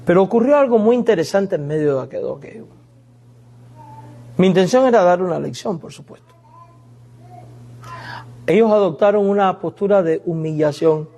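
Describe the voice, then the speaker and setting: A man's voice: high-pitched, animated, moderate pace, long pauses, warm tone. A male pastor preaching a sermon, telling a family story and acting out the pleas he quotes.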